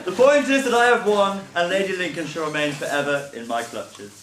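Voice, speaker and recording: A man's voice: high-pitched, brisk, lightly acted. A man playing a gloating, swaggering pantomime villain on stage in a declamatory style. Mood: gloating, commanding. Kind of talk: amateur stage pantomime acting. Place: indoor stage performance. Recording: echoey noisy hall, far from mic.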